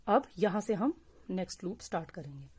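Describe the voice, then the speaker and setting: A woman teaching crochet step by step, speaking slowly and patiently and counting stitches aloud. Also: on the low side, lively intonation, darkish tone, slightly rough. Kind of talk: step-by-step crafting tutorial.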